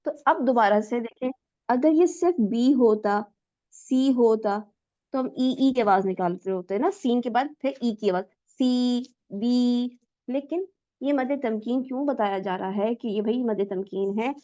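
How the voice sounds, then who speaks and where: A woman's voice: mid-range voice, warm tone, no echo. Woman teaching recitation, dull dry sound. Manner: asks students questions and praises answers; demonstrates letter sounds aloud. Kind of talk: online tajweed class.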